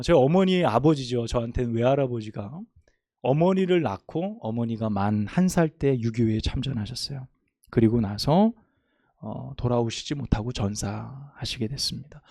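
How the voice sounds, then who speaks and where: A middle-aged man preaching a sermon as a pastor, moving from loud, emphatic passages to quiet, homely storytelling. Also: mid-range voice, creaky, no room sound, studio quality. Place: church sanctuary.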